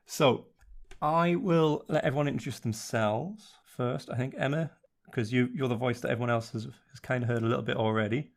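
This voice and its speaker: A man's voice: medium pitch, vocal fry. A young man from northeast England hosting a podcast, chatting casually and teasing his co-hosts. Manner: playful teasing, quick banter. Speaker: podcast host.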